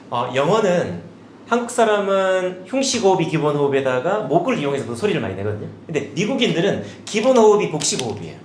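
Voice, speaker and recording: A man in his forties, an education director giving a demonstrative seminar talk to parents, now and then switching into a brighter voice as if coaching children. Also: fairly high pitch. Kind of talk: seminar presentation. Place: seminar hall. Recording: echoey hall with faint room noise.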